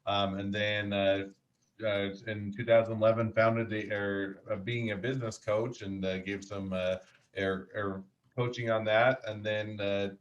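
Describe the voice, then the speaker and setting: A man hosts a podcast interview, introducing and questioning his guest. He speaks in a halting way, full of fillers and restarts, on a slightly dull, lo-fi recording. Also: fairly low pitch, little pitch movement. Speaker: podcast host. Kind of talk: interview hosting.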